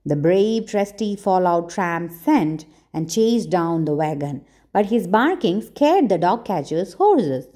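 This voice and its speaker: Reading from a children's storybook, a female storyteller and channel host uses a lowish voice. She shapes each line deliberately and expressively, pausing for dramatic effect.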